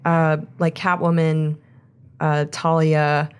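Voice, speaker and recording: A woman who is a guest on a podcast, chatting casually, thoughtful and explaining at length with pauses. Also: low-pitched, level tone, clear, resonant tone. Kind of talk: casual chat.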